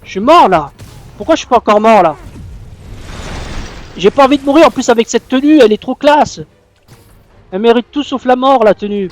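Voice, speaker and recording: A man commentates his gameplay live as a gaming YouTuber, raging and swearing with loud exclamations. He has a high voice.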